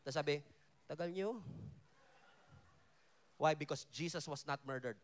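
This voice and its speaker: A male pastor preaching a sermon at a worship festival, full of energy and humor, dropping low and soft when he quotes Jesus. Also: fast talker. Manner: animated preaching, drops low and soft for quoted lines, jokes with the crowd. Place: large hall at a worship event.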